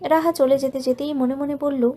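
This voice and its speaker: A woman narrating an audio love story from a script, in a soft, measured and emotional way. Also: sits high, fairly even intonation.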